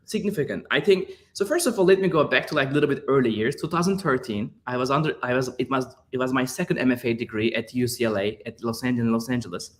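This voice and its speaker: A man in his thirties from Turkey, appearing as a guest artist, responds to interview questions searchingly in a Turkish accent, often using fillers and repeating himself. His mid-range voice moves at a quick pace with hardly any pauses.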